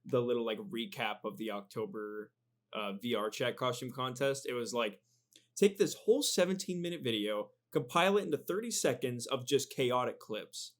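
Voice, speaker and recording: A young man talking as a guest editor on a casual podcast, hesitant and stumbling over his words, quick to poke fun at himself. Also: mid-range voice, animated. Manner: hesitant, stumbling restarts, self-deprecating.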